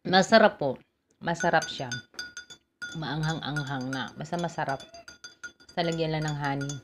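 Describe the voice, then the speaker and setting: Middle-aged woman vlogger, low voice, slight cough, chatty step-by-step home talk, faint clinks behind. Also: steady tone, moderate pace, a little hiss or hum. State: has a cough. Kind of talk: casual home vlog.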